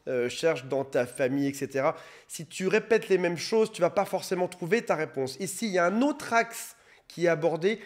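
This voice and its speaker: A man giving a casual, conversational educational talk straight to his viewers, with the odd light self-mocking aside. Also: fairly high pitch. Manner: casual and conversational, switching between formal and familiar address. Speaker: YouTube explainer on emotional dependency.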